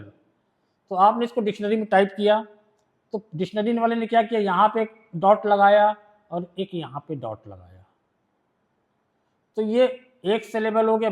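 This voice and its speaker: In a high, slightly mellow voice, an Indian-accented man gives a shorthand lesson to a class. He goes through the rules step by step, reading them slowly in English and then explaining in Hindi, often pausing to see if his students have grasped them.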